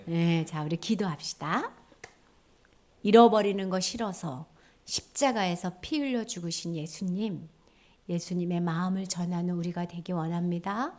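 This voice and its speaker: A woman giving a children's sermon in a church, animated, acting out little voices and dropping to a whisper for key points. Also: lowish voice, normal speed. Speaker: children's ministry teacher.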